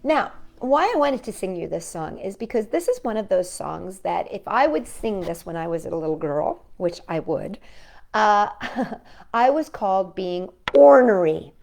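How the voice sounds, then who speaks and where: A woman leads a kids' storytime, reading a picture book aloud and chatting playfully with the children, asking them plenty of questions. She has a medium-pitched, gravelly, darkish voice, lively in intonation and unhurried.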